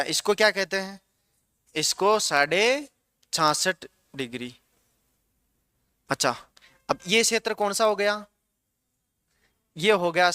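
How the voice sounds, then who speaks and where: A man teaches a class in a classroom lecture, his voice high and bright. He keeps asking questions and repeating the answers back. The sound is close and dry, with no room echo. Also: smooth. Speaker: geography teacher.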